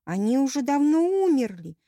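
A woman voicing a doubting, high-pitched mermaid. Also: sing-song, moderate pace, warm tone, dry recording, clean studio sound. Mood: disbelieving. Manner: disbelieving, argumentative. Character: doubting young mermaid, quick to object.

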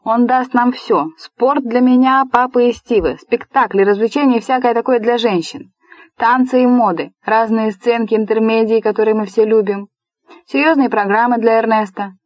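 A woman reading a storybook voices a brash, rude young man who talks loudly and bluntly, bossing his family around. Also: a little high, normal speed, dry recording, natural voice. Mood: eager. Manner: loud, blunt, bossy.

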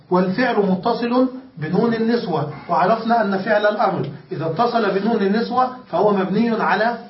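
A man teaching Arabic grammar as a sheikh, explaining step by step, drawing out key words and often checking that the class has understood. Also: high-pitched. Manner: stretches key words slowly for emphasis. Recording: distant, echoey, dull lo-fi room recording with faint hiss.

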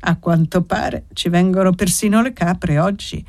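A woman's voice: fairly low pitch, steady tone, normal speed, darkish tone, dry recording, close to an everyday voice. A woman voicing a scornful, grumpy old village priest in a read-aloud novel. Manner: sneering, scornful. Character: fat ugly old priest, disdainful, grumpy.

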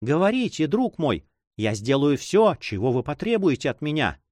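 A man's voice: a little high, sing-song, normal speed, darkish tone, no echo, clean studio sound. A man reading aloud and voicing a young woman in love, anxious and devoted, in a pleading, fearful, tender manner.

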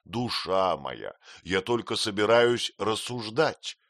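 A man playing a gentle, earnest young husband who speaks patiently and tries to reason, in an audiobook reading. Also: on the low side, lively intonation, takes it slowly, no echo, clean studio sound, full character voice.

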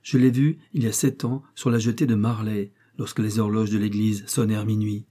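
A man's voice: fairly low pitch, flat delivery, a little fast, warm tone, slightly rough. A man voicing a determined young wife who defies a courtroom, firm and insistent. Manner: firm, insistent, rising to outbursts.

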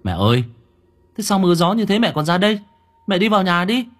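A man voicing a young village son who talks in a hurried, questioning way. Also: mid-range voice, sing-song, husky. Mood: puzzled. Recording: faint music underneath.

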